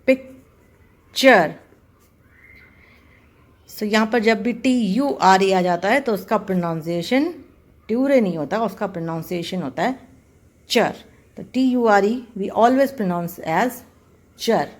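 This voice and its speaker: A woman teaching pronunciation in a video lesson, speaking slowly and deliberately and repeating and spelling out each example word. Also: mid-range voice, a little mellow.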